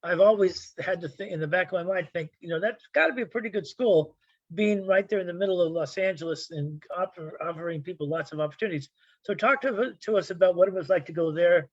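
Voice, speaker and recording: Husky host on a dull line. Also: medium pitch, quick pace, no echo. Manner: playful, teasing questions. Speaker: radio talk show host. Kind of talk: casual radio interview.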